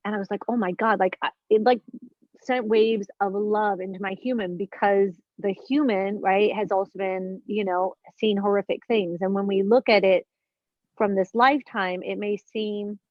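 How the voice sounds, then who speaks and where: A woman in her fifties, a guest, earnestly talks through spiritual ideas in a relaxed conversation, searching for words and circling back as she goes. Her pitch is ordinary for a woman and her speed normal. The recording is dull, lo-fi, close and dry, with no room sound.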